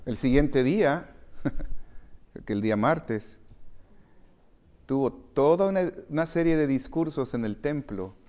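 A man preaching a sermon to his congregation, addressing them directly and swinging from quiet reflection to loud, emphatic calls. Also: mid-range voice, lively intonation, slow pace, pauses often. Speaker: pastor.

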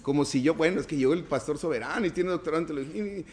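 A male pastor with a fairly high voice delivers a sermon in a conversational way. He keeps asking the congregation for agreement and builds up to emphatic passages. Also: very fast, a little mellow.

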